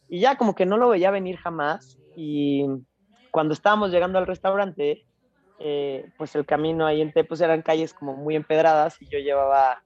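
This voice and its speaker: A young woman with a Mexican accent telling a story in casual chat, slangy and animated, acting out bits of dialogue. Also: low voice, no echo, muffled recording.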